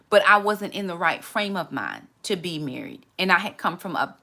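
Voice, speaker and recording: A woman's voice: on the low side, sharp tone. A woman in her forties hosting a candid, reflective faith talk, earnest and often repeating words as she gathers her thoughts. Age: 40s.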